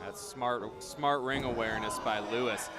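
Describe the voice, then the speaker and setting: A man's voice: medium pitch, moderate pace, loud music behind the voice. A man doing color commentary at a wrestling match, explaining strategy in casual, chatty phrasing. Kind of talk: live wrestling commentary, conversational analysis. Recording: noisy live event, loud crowd around him. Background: crowd noise of a live wrestling event.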